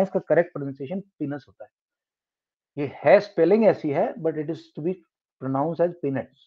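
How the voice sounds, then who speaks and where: A middle-aged man with an Indian English accent teaching a science class step by step, switching between Hindi and English and often restarting his sentences. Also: a little high. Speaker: science tutor. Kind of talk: classroom lecture. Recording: dull lo-fi sound.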